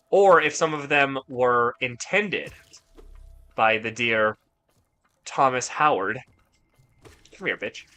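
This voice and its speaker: Slow, bright-voiced joking male streamer. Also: medium pitch. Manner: rambling, joking, swears a lot while reading chat. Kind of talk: casual gaming stream chat.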